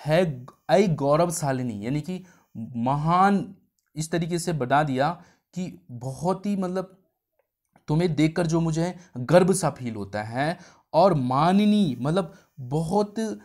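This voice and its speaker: A man's voice: on the high side, lively intonation, slow pace, darkish tone. Chatty male exam tutor. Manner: chatty, explains with homely examples and asides. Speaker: exam prep teacher. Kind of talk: casual spoken lesson.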